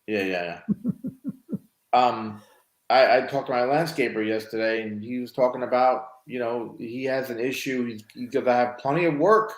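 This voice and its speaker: Man, casual podcast host, middle pitch, loose rambling talk, roomy echo. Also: moderate pace. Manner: conversational, with frequent "you know" and restarts. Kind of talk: casual chat.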